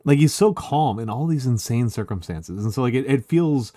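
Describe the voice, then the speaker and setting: A man chatting casually as a streamer, excitable and rambling, leaning on filler words like "like". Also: medium pitch, moderate pace, no room sound, faint music behind. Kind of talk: casual chat.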